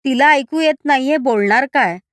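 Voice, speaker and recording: Narrating a tale, a woman plays a cranky older mother-in-law whose high-pitched grumbles and scoldings never let up. The sound is dry and close-miked, without any echo.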